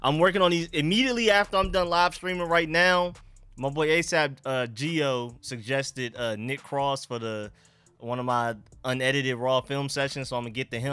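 Bright-voiced young man talking with a retainer in. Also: medium pitch, brisk, smooth, dry recording. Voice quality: slightly impeded speech from wearing a dental retainer. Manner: informal, slangy, repeats greetings and catchphrases. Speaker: sports livestream host. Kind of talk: casual livestream chat, greeting viewers.

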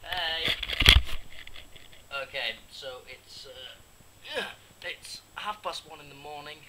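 A man's voice: a little high, animated, takes it slowly, sharp tone. A young man vlogging on holiday in a playful, slangy, casual way into a handheld camera. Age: teenager to young adult. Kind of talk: casual holiday vlog chat. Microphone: handheld camera at arm's length. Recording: noisy handheld camera audio with heavy background noise.

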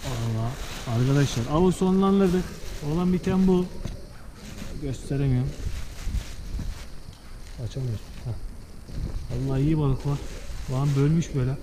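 A young man vlogging while fishing outdoors beside a stream, loudly exclaiming at each catch. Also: a little high, moderate pace, pauses often, slight background noise, low-quality recording. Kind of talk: casual outdoor vlog chat.

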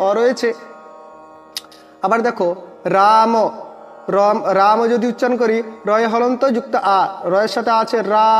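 High-voiced man teaching grammar, with reverb. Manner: patient, asks questions and answers them himself. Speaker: Sanskrit teacher. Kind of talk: online grammar lesson.

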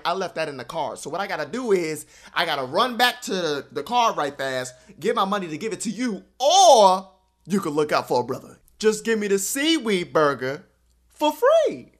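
A man voicing an entitled, cheeky cartoon fish customer in a comic skit, wheedling in repetitive, drawn-out sing-song. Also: sits high, sing-song, fairly bright tone.

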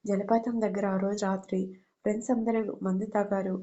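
A woman playing a wounded young woman who reproaches the man she loves, her mellow voice kept fairly level even as the words turn emotional. The sound is slightly muffled and lo-fi, like a home-made audio story. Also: mid-range voice, normal speed, lightly acted. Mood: tearful. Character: heartbroken young woman confronting her lover.

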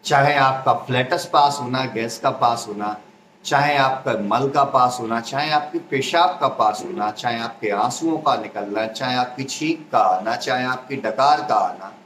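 A man giving an explanatory health talk as an Ayurveda educator, measured and teacherly, listing points one by one. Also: mid-range voice, fairly bright tone, roomy sound, a little hiss or hum, poor audio.

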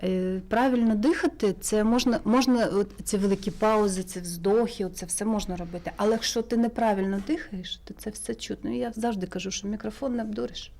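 A woman with a Ukrainian accent, a sound engineer chatting as a studio guest, telling stories with many pauses and fillers. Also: medium pitch, gravelly. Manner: relaxed, storytelling, many hesitations. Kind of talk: casual studio interview.

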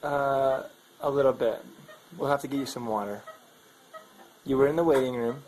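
A man's voice: mid-range voice, steady tone, normal speed, darkish tone, rough recording. A man chatting casually and teasingly as he keeps a patient company, recorded on a handheld phone. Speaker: husband accompanying a patient. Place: small dental treatment room, indoors. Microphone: handheld phone, behind the camera.

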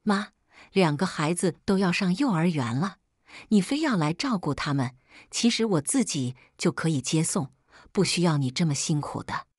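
A woman's voice: lowish voice, expressive, moderate pace, husky, no room sound, clean studio sound. A woman voicing a young mother who talks back coldly, with sarcastic, cutting remarks. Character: young mother, cold and sharp-tongued.

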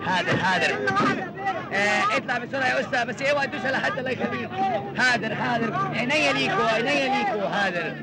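A man's voice: very high-pitched, fast talker, a loud crowd, rough recording. An actor playing a pompous young male businessman who bluffs, speaking with an Egyptian accent and mixing in English words. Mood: placating. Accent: Egyptian Arabic. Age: young adult. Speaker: film character. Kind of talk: 1980s comedy film acting.

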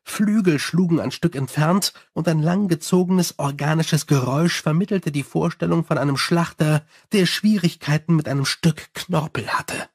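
Male audiobook narrator, fairly high voice, husky, dry close sound. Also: moderate pace, hardly any pauses, no room sound. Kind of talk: scripted narration.

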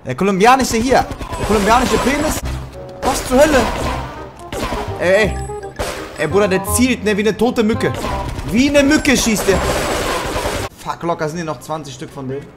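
A let's play host rants and swears at a game, often breaking into shouts. His voice is very high and swings widely. Game music is clearly heard underneath. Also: very animated, moderate pace, long pauses. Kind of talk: raging gameplay commentary.

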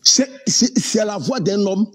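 A combative man argues over a video call. His husky voice is slightly high and swings widely in pitch as he preaches and mocks. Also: animated, a little slow. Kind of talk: heated online debate.

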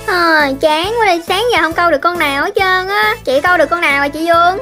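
A woman's voice: very high-pitched, fast talker, sharp tone, soft background music. A woman voicing a scheming, bratty younger sister in a game-made fairy tale, pouty and sly.

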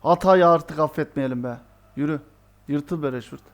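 A young man commentating his own football video game match live, excitable and exasperated, shouting at his players. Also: on the high side, moderate pace.

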